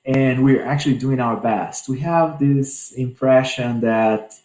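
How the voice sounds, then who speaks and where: A man's voice: medium pitch, a little slow, darkish tone, echoey room, poor audio. A man giving an earnest spiritual talk on a scripture passage, often restarting his phrases. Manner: earnest, repeats and restarts often, many fillers. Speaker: spiritist speaker.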